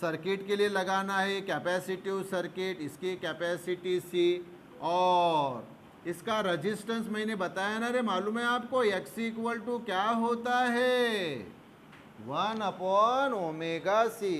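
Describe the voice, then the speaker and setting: A man's voice: high-pitched, a bit bright. A male physics teacher, explaining a problem at the board. He talks patiently, calls his students fondly and answers his own questions. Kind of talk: board lesson. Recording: faint background noise.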